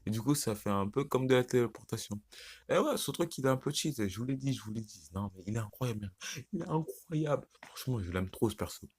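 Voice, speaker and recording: A teenage guy chatting casually about an anime, excitable and slangy, rambling with lots of restarts. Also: mid-range voice, fast talker, breathy edge. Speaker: YouTuber. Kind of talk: casual anime commentary vlog.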